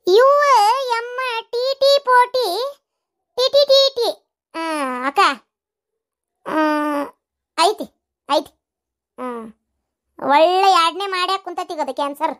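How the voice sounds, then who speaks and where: A woman voicing chatty village women in a comic cartoon, with a North Karnataka Kannada accent and a shrill, exclaiming manner. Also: slow pace, pauses often, a bit bright, full character voice. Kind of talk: cartoon voice acting.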